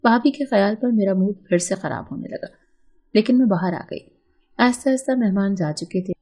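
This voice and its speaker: A woman's voice: mid-range voice, darkish tone, husky. A woman narrating a first-person family story, read aloud steadily and plainly.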